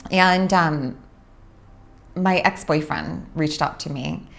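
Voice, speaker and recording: Speaking with a low, creaky voice that has a touch of brightness, this young adult spiritual practitioner from Orange County talks casually about her work. She takes her time, reflecting and pausing frequently.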